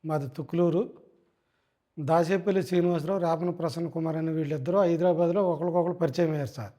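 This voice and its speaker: A man recounts a group investment fraud, telling it in a hurried, repetitive way and politely calling the interviewer sir. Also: fairly high pitch, steady tone, warm tone. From Andhra Pradesh. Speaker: fraud victim.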